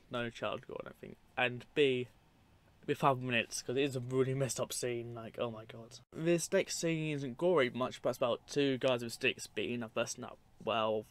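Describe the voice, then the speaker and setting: A man with a mid-pitched voice comments casually on clips, without a script. He rambles as he explains, keeping a matter-of-fact tone and slipping in dry, offhand remarks. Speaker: narrator of a film clip compilation.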